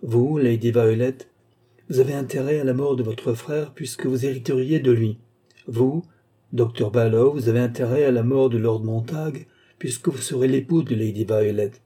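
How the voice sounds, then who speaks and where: A man's voice: mid-range voice, fairly even intonation, normal speed, warm tone, breathy edge, natural voice. A man reading aloud, playing a stern Scotland Yard inspector who speaks firmly and tolerates no reply. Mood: commanding. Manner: firm, brooks no reply.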